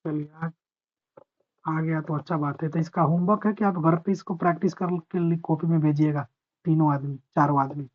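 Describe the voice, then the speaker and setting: A man teaching a chemistry revision class. He explains patiently, repeats key points, reads English definitions slowly and asks his students whether they understood. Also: a little high, fairly even intonation. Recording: dull lo-fi recording.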